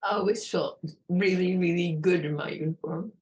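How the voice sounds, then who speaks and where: Very old woman, halting low voice. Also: a little mellow. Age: about 101, very old. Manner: halting, repeats words and restarts sentences. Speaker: interview guest, retired park ranger. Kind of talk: reflective personal interview.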